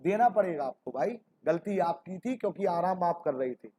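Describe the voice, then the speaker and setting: A man's voice: sits high, expressive, moderate pace, dark tone, slight background noise, voice pushed down. A man playing a greedy male business partner who coaxes and pleads for his commission. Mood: demanding.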